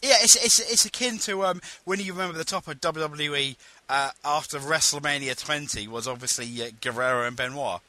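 A man hosts a podcast in a casual chat, eager and quick to laugh, though he often stumbles over the starts of his sentences. His voice is a little high and sharp, his pace brisk, and the recording dry.

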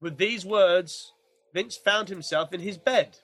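A man's voice: sits high, takes it slowly, a bit bright, no echo. A man co-hosting a podcast, playfully reading a comic story aloud. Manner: playful, does accents. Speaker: podcast co-host.

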